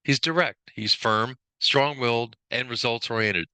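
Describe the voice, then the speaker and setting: A man's voice: mid-range voice, measured pace, pushed and bright, clear, resonant tone, no echo. A male trainer giving an informal lesson, rattling off lists of traits and now and then correcting himself. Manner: brief self-corrections. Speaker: workplace trainer.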